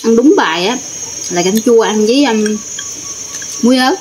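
A woman's voice: fairly high pitch, lively intonation, normal speed. A woman hosting a mukbang, chatting casually to viewers while talking with her mouth full. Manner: chatty, addresses viewers as family. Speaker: mukbang host. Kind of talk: casual eating chat. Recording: insect and cricket noise behind.

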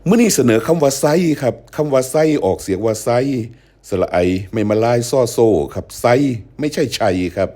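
A man's voice: mid-range voice, animated, brisk, warm tone. An older man, hosting a show and patiently explaining dialect words. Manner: patient, explanatory, acts out example phrases. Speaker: host.

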